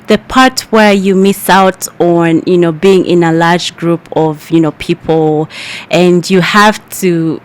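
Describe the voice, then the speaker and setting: A young woman from Kenya, a guest on a radio interview, talking casually and openly with frequent laughs. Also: lowish voice. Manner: laughs often, chatty and open.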